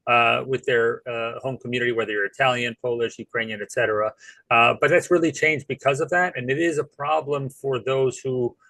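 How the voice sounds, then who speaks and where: Male panel guest, medium voice, dry close recording, measured and thoughtful delivery. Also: medium pitch, bright, forceful tone, dry recording, poor audio. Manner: thoughtful, many fillers. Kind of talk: casual panel discussion.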